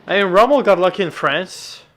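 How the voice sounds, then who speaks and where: A man's voice: high voice, animated, fairly quick, fairly bright tone. A man chatting casually as he comments on a documentary.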